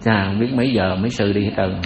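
A crowd can be heard behind a Buddhist teacher whose fairly low voice moves quickly with fairly even intonation. He speaks with a Southern Vietnamese accent in an echoey hall, joking, chatting, and tossing rhetorical questions to listeners.

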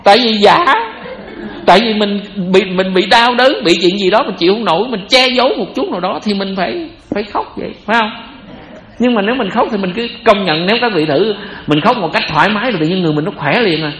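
Talking fast in a high, slightly bright voice, a Buddhist teacher preaches in an echoey hall. He has a Southern Vietnamese accent and keeps things chatty and humorous, firing rhetorical questions at the crowd.

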